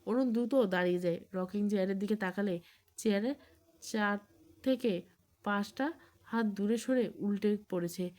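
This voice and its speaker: A woman's voice: mid-range voice, moderate pace, long pauses, darkish tone. Woman narrating an audiobook romance.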